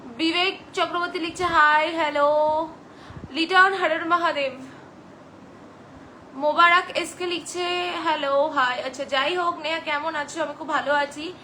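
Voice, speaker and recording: A young woman hosts a live stream on her phone, reading out viewer comments and chatting back to them. Her voice sits high and sounds bright and forward. A faint hum of ambience runs underneath. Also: fairly even intonation, moderate pace, rough recording. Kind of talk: casual live-stream chat.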